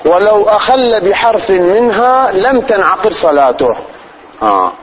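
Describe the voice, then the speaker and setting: A man, teaching religious law as a sheikh. He explains slowly, repeats phrases and demonstrates pronunciation. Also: high voice, very animated, dull audio, a little hiss or hum. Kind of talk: religious lesson.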